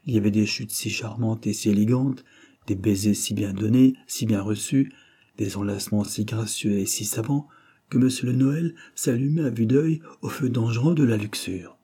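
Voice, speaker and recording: A man reading a novel aloud in scripted narration, measured and even. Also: on the low side, slightly rough. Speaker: audiobook reader.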